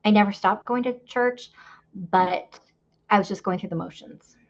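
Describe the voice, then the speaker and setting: A woman sharing her faith story in a candid, rambling way, full of fillers and laughter. Her voice has a gravelly edge and sits mid-range. The audio is slightly dull and lo-fi. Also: medium pitch, normal speed. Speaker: podcast guest. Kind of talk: faith testimony conversation.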